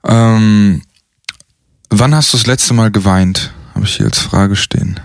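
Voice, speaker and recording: A man's voice: lowish voice, a little slow, gravelly, no echo, studio quality. A man interviewing a guest, reacting with short affirmations and asking follow-up questions. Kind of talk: casual interview.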